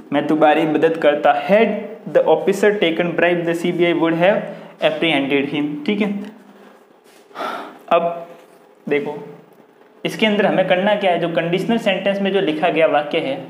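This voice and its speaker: Slow, deliberate male teacher. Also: on the high side. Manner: slow and deliberate, reading English sentences word by word. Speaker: English teacher. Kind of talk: classroom grammar lesson. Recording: echoey room, faint background hum.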